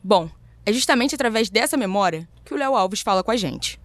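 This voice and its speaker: A woman's voice: mid-range voice, expressive, brisk, no room sound. A Brazilian woman giving earnest scripted narration for a podcast.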